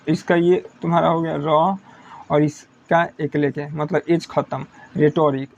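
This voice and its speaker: Young male teacher, slightly high voice, repetitive step-by-step explaining, faint hiss behind. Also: dull audio. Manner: repetitive, checking understanding with "thik hai". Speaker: English teacher. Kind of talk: whiteboard lesson in Hindi.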